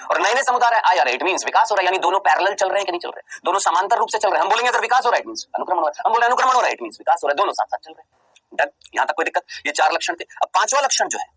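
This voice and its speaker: Teaching a biology exam-prep lecture, a man with a high, fairly bright voice and a breathy edge repeats key terms slowly for emphasis. He answers his own rhetorical questions and plays his students' replies, recorded on poor audio with no room sound.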